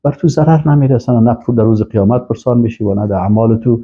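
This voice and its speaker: A man's voice: mid-range voice, husky. A man teaching Islamic studies, reading Arabic phrases aloud and then explaining each one with emphatic rises. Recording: dull lo-fi recording.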